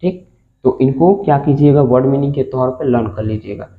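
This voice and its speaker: A man teaching a spoken class lesson, spelling words out slowly and asking listeners to repeat after him. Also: medium pitch. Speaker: English teacher. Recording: echoey room on a tinny, phone-like line.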